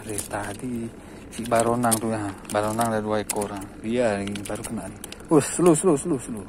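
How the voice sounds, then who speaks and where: A man's voice: lowish voice, normal speed, background noise. A man from Aceh commentating live on his own fishing trip, calling out and repeating short words whenever a fish bites. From Aceh, Indonesia. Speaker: fishing vlogger. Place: outdoors by the water.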